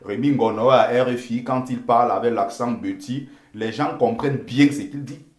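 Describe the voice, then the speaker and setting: A man's voice: medium pitch, fairly even intonation, moderate pace, reverberant. Emphatic Cameroonian man with a Bamileke accent. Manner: emphatic, repetitive, pleads with viewers. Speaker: live-stream commentator. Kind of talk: impassioned live-stream commentary.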